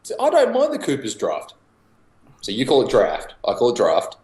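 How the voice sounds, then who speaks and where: A young Australian man chatting casually over a video call, laid-back and quick to laugh, swearing now and then. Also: mid-range voice, wildly swooping pitch, a little mellow, roomy sound, poor audio. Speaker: guest homebrewer.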